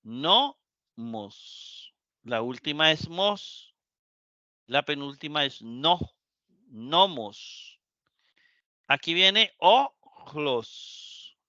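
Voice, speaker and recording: Brief: male teacher, slow and lively in pitch, breaks words into syllables, dry dull recording. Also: no echo. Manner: slow, syllable-by-syllable explanation with frequent "¿verdad?". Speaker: Greek teacher. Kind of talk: live online class.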